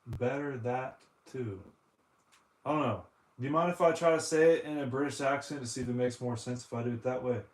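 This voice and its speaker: A man's voice: mid-range voice, steady tone, fast, reverberant. A man from the United States in a casual live-stream chat, rambling and joking, often saying "dude" while he cleans consoles. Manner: rambling, jokey, says "dude" a lot.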